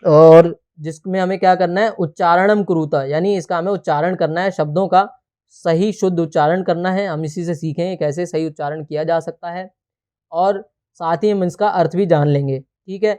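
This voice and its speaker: A man's voice: high-pitched, steady tone, darkish tone, smooth. A man teaching a textbook lesson, explaining words one by one and checking in often with "theek hai". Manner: explains terms slowly word by word.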